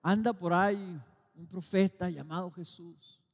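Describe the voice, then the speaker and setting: A middle-aged Mexican man preaching a sermon as pastor, dramatic and swinging between loud calls and quiet, slowly stressed words. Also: high-pitched, steady tone. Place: church sanctuary. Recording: long reverb of a church hall.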